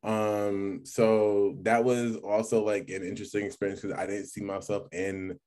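A man's voice: lowish voice, normal speed, a little hiss or hum. Laid-back young New man. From New York. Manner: relaxed, many fillers and "like", laughs often. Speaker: guest, graduate student. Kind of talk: casual chat.

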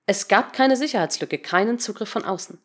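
A woman narrating a German story in a calm, even storytelling way. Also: mid-range voice, brisk. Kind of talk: audiobook narration.

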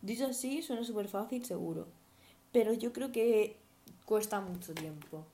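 A woman's voice: medium pitch, normal speed, dark tone. Earnest woman. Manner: earnest, thoughtful, advice-giving. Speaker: podcast host. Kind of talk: reflective personal monologue.

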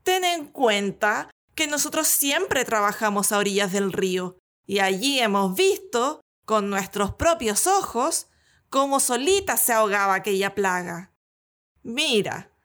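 Woman reader doing a scornful, blustering mayor for a fairy-tale recording, unhurried delivery. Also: medium pitch, a bit bright. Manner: mocking, blustering. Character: greedy scornful male town mayor.

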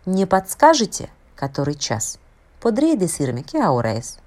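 Brief: woman teacher, low voice with lively melody, unhurried and deliberate. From Russia. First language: Russian. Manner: careful, deliberate explanation with spoken examples. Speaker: Russian language teacher. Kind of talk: explaining a language lesson.

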